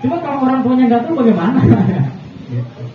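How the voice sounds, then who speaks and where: A man, giving a relaxed religious talk to a room of parents. He chats, chuckles and keeps putting questions to the listeners. The recording is dull and noisy, caught from some way off in a roomy, echoing space. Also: extremely high pitch, a little fast, far from the mic. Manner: chatty, asks the audience questions, chuckles often. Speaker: preacher addressing parents. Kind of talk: casual religious talk to an audience.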